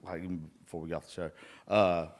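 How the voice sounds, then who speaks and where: Low-voiced hungover man, gushing and cursing. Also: little pitch movement, fairly quick. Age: 30s. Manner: gushing, rambling. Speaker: podcast host. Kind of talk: casual chat, profanity-laden. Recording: reverberant room.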